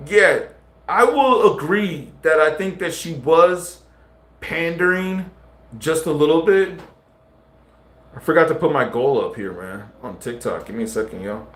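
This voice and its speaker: A man's voice: on the high side, measured pace, a bit bright. A man live-streaming casual commentary, talking in slang straight to his viewers. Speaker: livestreamer. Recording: roomy echo with faint music.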